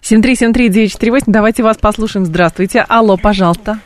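A woman hosting a live radio talk show, curious and quick to jump in with questions. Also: medium pitch. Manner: brisk, curious, quick to interject. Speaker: radio host. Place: radio studio.

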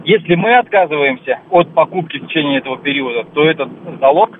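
A man's voice: on the high side, lively intonation, fast. A man calling in to a radio show by phone, talking hesitantly as he searches for details. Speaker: caller. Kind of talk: phone-in conversation. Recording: muffled phone call with car noise.

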